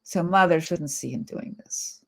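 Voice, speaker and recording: A woman's voice: lowish voice, measured pace, creaky, soft background music, pitched above the performer's own voice. Woman doing a chatty, accented old mother. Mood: reminiscing. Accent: foreign-accented English. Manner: lively, searching for words. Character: elderly immigrant mother recalling her childhood, chatty. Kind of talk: reading quoted interview excerpts.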